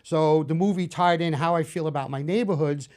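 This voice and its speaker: A man in his fifties with a Bronx New York accent, a horror film director chatting through stories in an interview, animated and full of restarts. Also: fairly high pitch, brisk. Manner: storytelling, animated, restarts often. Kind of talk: casual interview chat.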